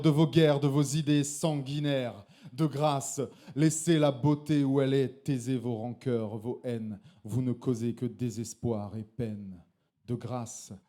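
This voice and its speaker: A man's voice: mid-range voice, warm tone. A man performing his slam poem live on stage, with playful, laughing asides between verses. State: tipsy from beer. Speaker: slam poet and co-host. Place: live slam venue with audience.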